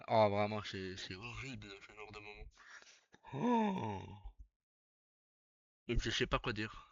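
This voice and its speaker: A young man talks loosely on his live stream, cursing and laughing out loud as he reacts. His voice sits low and close to the mic, but the stream audio is dull and lo-fi. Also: big pitch swings, slow pace, gravelly. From Belgium. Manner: casual, swearing, loud bursts of laughter.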